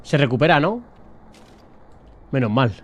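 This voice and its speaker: A man with a Spain Spanish accent talks through his game in a casual way. His voice sits at a medium pitch, in the informal style of a streamer commenting while playing. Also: very animated, unhurried.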